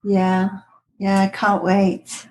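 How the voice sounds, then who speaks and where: Podcast konuğu olarak coşkuyla sohbet eden, orta perdeden sesli bir kadın. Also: female voice, medium pitch, monotone, drawn-out words, darkish tone, low-quality recording. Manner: enthusiastic, gushing, talks in flowing run-on sentences. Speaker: yoga teacher, guest. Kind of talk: casual podcast chat.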